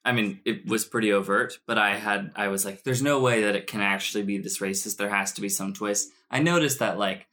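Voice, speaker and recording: Man, co-host, bright tense tone, low pitch, joking film chat. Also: brisk, hardly any pauses. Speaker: podcast co-host. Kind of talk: casual film review chat.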